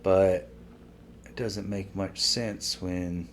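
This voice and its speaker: A man giving casual gameplay commentary, thinking out loud and speculating as he plays. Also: low-pitched, steady tone, extremely slow, a crowd in the background. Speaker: video game let's player.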